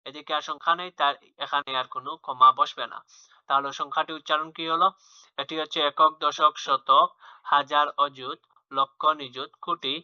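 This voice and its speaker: A man's voice: a little high, fairly even intonation, moderate pace, pushed and bright, clear, resonant tone, no room sound. A man teaching young children a maths lesson, explaining patiently and repeating himself, with fillers and restarts. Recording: dull lo-fi home recording.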